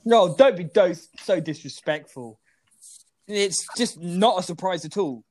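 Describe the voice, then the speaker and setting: A man co-hosting a casual sports podcast, excitable and teasing as he trades jabs. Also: high voice, a little slow, no echo. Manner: excitable and teasing, shouting names. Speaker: podcast co-host.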